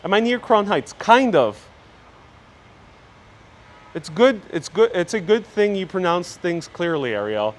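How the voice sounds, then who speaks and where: A man's voice: high voice, very animated, a little slow, pauses often. A man giving a casual, chatty live walking tour, politely answering viewers, his voice slightly muffled through a mask. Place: outdoors, walking on city streets. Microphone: clip-on mic worn on the body. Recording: street noise, outdoor live stream. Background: street ambience, passing vehicles.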